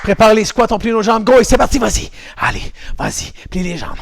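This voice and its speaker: A man teaching a kids' karate class, calling out energetic commands and counts. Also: high-pitched, a little fast, vocal fry. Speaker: karate instructor.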